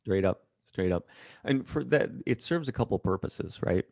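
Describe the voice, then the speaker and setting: Blunt low-voiced man telling stories. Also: normal speed, gravelly, no room sound, clean studio sound. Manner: blunt, profane, animated storyteller. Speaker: interview guest. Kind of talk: casual storytelling interview.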